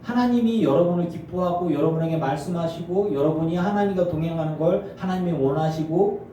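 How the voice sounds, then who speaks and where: A middle-aged male pastor preaching a sermon, animated and acting out family scenes in character voices. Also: fairly high pitch, brisk, a little hiss or hum. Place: church sanctuary. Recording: echoey church from far off.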